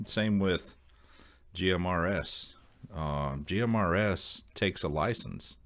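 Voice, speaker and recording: Hosting an informal explainer vlog, a man with a very deep, low-pitched voice that's a bit bright talks straight to viewers in a casual, rambling way. He speaks haltingly, seeming to work out each point as he goes.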